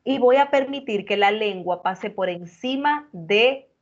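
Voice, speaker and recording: A woman's voice: medium pitch, lively intonation, measured pace, muffled recording. A woman speech coach giving direct, explanatory feedback to a participant in a live online workshop. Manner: explanatory, addresses listener directly, reassuring. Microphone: video call.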